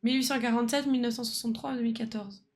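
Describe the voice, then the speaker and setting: Higher-voiced woman streamer thinking aloud. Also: fairly even intonation, racing, a little mellow. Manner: thinking aloud, bickering with a co-player. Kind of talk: casual puzzle game chat.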